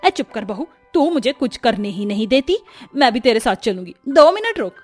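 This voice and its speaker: A woman voicing a bossy, stubborn older mother-in-law in an animated cartoon story, who wails and complains loudly. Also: fairly high pitch, normal speed, soft background music.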